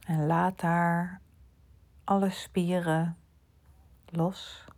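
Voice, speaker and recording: Slow, soft-spoken woman guiding sleep. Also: on the low side, level tone. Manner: slow, soft, soothing, often whispered. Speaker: sleep meditation guide. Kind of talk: guided sleep relaxation.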